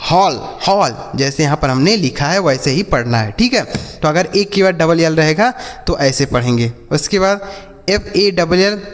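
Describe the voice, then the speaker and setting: A man with a high, light voice teaches English phonics to children. He spells each word out slowly, letter by letter, then asks the class and answers himself. The room has a long, ringing reverb. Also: expressive. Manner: repeats questions to the class and answers them himself. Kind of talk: classroom lesson.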